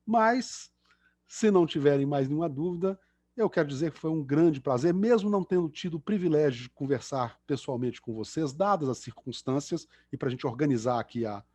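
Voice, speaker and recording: A middle-aged man from Belo Horizonte with a Mineiro Brazilian Portuguese accent speaks briskly on a dry recording, his higher-leaning voice warm and slightly rough with lively intonation. As a guest engineer on a video call after an online lecture, he chats and cracks self-mocking jokes with many fillers.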